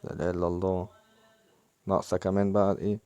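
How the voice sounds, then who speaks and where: A young man with an Egyptian Arabic accent chats casually while opening packs in a mobile football game, muttering prayers and groaning in frustration. His voice is low, level, dark, clear and resonant, delivered rapid-fire on a lo-fi recording.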